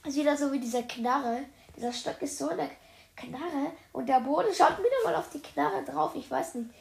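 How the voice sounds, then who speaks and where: A woman reads a children's story aloud and keeps breaking off to chat with her viewers in slangy, playful asides. Her voice sits a bit high with a gravelly edge. The room adds a noticeable echo. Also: moderate pace, darkish tone. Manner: chatty, addresses viewers as "Leute", youthful slang. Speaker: streamer reading a book aloud. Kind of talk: casual reading aloud with chatty commentary. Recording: roomy echo.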